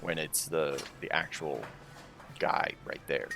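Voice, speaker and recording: A man's voice: rumbling low, slow pace, creaky. A man streaming a video game, commenting casually with rambling, self-mocking asides. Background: game music.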